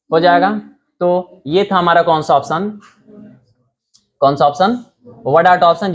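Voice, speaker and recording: Young indian guy teaching a computer class, pretty high voice, keeps asking the class questions. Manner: explains with rhetorical questions to the class. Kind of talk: classroom lesson.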